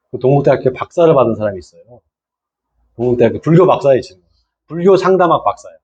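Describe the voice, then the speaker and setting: Middle-aged male pastor for a church lecture, mellow husky voice, keeps checking in with the room and repeating key terms, dull lo-fi sound. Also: medium pitch. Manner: asks the audience and repeats key words. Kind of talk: church lecture to lay people.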